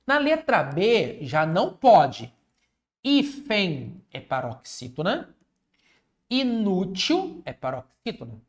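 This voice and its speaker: Animated man teaching, unhurried. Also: sits high. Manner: repetitive teaching with frequent check-ins; jokey, chats with viewers. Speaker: exam prep teacher. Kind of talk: live online class.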